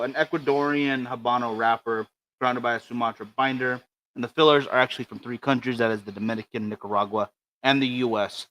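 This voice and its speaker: A man's voice: medium pitch, sharp tone, no room sound, poor audio. A man co-hosting a livestream in casual chat, with dry, teasing grumbles. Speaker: co-host of a cigar show.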